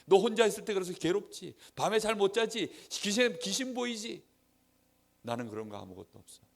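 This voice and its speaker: A man preaching a sermon to young people in church, acting out quoted friends and swinging between loud emphatic lines and soft asides. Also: sits high, very animated, a little fast, vocal fry. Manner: acts out quoted friends in dialogue. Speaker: Sunday school preacher.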